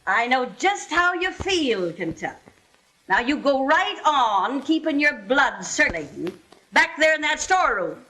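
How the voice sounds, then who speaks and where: A scolding frontier woman in an old Western film. Her bright American voice is high and very animated, brisk and full of sarcasm. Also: slight background noise, exaggerated voice, poor audio. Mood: scolding, sarcastic.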